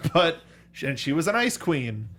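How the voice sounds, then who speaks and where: This man's voice is fairly high and a bit bright, very animated yet taking things slowly. As geeky co-host of a film review show, he joins an easygoing, excited fan conversation.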